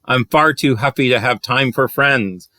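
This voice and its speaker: A puffed-up, huffy buffalo grumbles and blusters, as a man reads him aloud from a picture book. The voice sits at a middling pitch, with a dry, close sound. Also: a little slow, bright, forceful tone, no room sound. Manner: blustery, defiant storybook reading. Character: grumpy huffy male buffalo, proud and puffed up.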